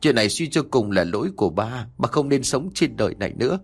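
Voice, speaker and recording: Gentle sad dad, man voicing him, soft and sorrowful. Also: medium pitch, lively intonation, fast talker. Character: grieving middle-aged father.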